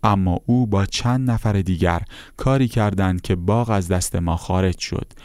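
A kindly older uncle speaking from beyond, calm and plainspoken, as a man reading the story puts him on. The voice sits very low and sounds dark and mellow. It is dry and close, with no room around it. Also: smooth, no echo, close to an everyday voice.

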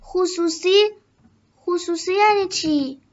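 A woman's voice: extremely high pitch, pitched above the performer's own voice. A woman voicing a tiny, curious and blunt girl from a forest in a storybook reading. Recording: dull lo-fi recording.

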